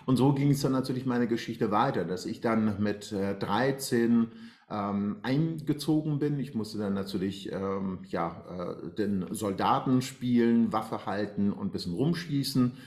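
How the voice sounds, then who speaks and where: His voice is on the low side and darkish, delivered at a measured pace. The speaker is an Iranian man in his forties telling his life story as a guest on a video call, faltering with frequent fillers, from a bright room at home where the sound echoes.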